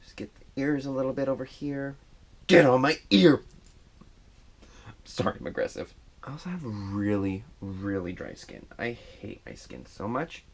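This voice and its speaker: Recording on an action camera at home, a man with a fairly low, animated, slightly mellow voice with a breathy edge talks at normal speed through a makeup tutorial. He's a chatty, self-deprecating vlogger who rambles with fillers.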